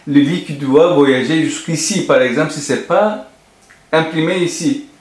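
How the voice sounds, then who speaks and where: A man's voice: on the high side, unhurried. A man interviewing a poet, asking his questions hesitantly and often restarting them. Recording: roomy echo.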